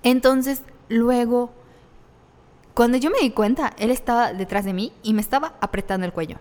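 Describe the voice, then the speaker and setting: A woman's voice: on the high side, moderate pace, a little mellow, big-room sound. A young adult woman with a Mexican accent, co-hosting a podcast and telling a personal story in candid, slangy, casual talk, often laughing as she speaks. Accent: Mexican Spanish. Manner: candid, laughs through hard memories, slangy.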